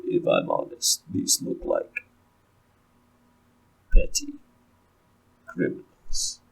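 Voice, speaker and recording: A man voicing an imperious, brooding jarl in a tabletop game, speaking slowly and haltingly with menace. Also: poor audio. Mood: contemptuous.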